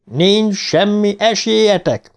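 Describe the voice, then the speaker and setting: A man's voice: high voice, a little mellow, pitched above the performer's own voice. A man reading a stuttering boy who leads his group of friends. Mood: mock commanding. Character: stuttering boy, gang leader.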